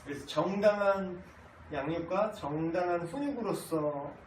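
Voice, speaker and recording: Man, 30s, blunt joking Bible teacher; high animated delivery, distant roomy mic. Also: measured pace, a little hiss or hum. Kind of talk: casual Bible class lecture. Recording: echoey room, distant mic, faint ambience.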